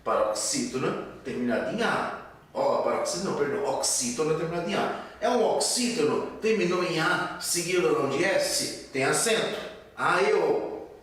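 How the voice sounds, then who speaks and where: An older male teacher works through grammar exercises in a fairly high voice, posing a question and then answering it himself. He sounds set back from the mic, in a strongly echoing room. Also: lively intonation, moderate pace, a bit bright. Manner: explanatory, asks and answers his own questions. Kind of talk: recorded Portuguese grammar lesson. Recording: echoey room, voice from a distance.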